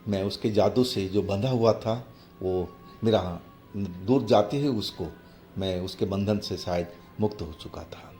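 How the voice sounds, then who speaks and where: A man telling a horror story in the first person, halting and hushed. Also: fairly low pitch. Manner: slow, halting, hushed retelling. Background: faint music.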